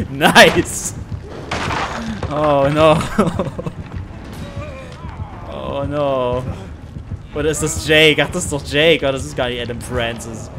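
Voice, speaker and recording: A young man commentating his own gameplay, excitable, with panicked yelps and English words mixed into his speech. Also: mid-range voice, takes it slowly, pauses often. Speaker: gamer. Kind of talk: let's play commentary. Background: game music.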